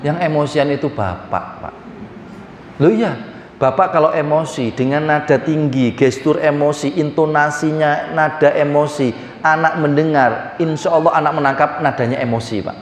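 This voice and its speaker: A man preaching a sermon with an East Javanese accent, lively and joking, often acting out little voices and speaking straight to the audience. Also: a little high, moderate pace. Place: hall. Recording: echoey hall from far off.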